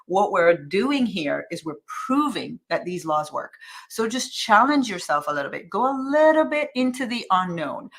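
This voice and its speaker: This woman coach runs a laid-back motivational live stream, her mid-range voice sing-song and a bit bright at a normal speed. Upbeat and chatty, she calls out viewers by name as she reads their comments, pushing the same calls to action over and over.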